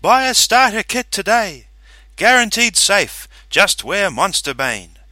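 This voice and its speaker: A man voicing a loud male salesman hawking wares like a carnival barker, in an audiobook reading. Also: sing-song, slow, no echo, full character voice. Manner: booming sales pitch.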